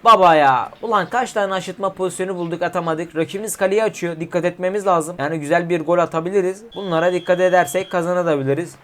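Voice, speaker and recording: A man in his twenties commentating his mobile football game, shouting player names and cursing at missed passes. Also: high voice, fast talker, hardly any pauses. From Turkey. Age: 20s. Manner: excitable, yelling player names at goals, swearing at the game. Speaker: gaming YouTuber.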